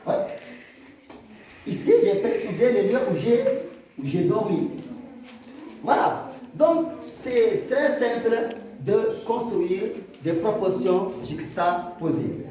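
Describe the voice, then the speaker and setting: High-voiced teacher in an echoey classroom. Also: male voice, lively intonation, takes it slowly, long pauses, mellow. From Mauritania. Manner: explains with examples, asks the class questions. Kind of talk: classroom grammar lesson. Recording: echoey room from far off, crowd behind.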